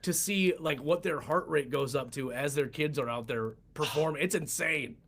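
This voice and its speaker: A man's voice: fairly high pitch, moderate pace, fairly bright tone, slight background noise. A middle-aged man co-hosting a casual chat, asking questions and laughing often. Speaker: co-host.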